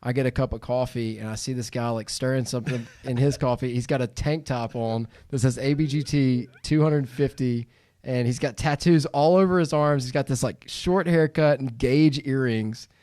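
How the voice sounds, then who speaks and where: A man hosting a podcast in a studio, telling stories in a lively, laughing way. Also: mid-range voice, normal speed, no echo. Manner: animated storyteller, laughs while telling. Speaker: podcast host. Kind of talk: casual podcast chat.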